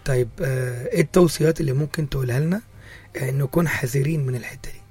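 A man's voice: medium pitch, racing, a little mellow, breathy edge, faint music behind. A man with an Egyptian Arabic accent hosting a casual radio interview. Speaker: radio host.

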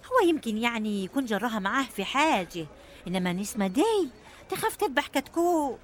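A woman's voice: a little high, sing-song, a little fast, noisy background. An actress playing an anxious, deferential village woman with a rural Egyptian accent, pleading and lamenting in a radio drama. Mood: nervous pleading.

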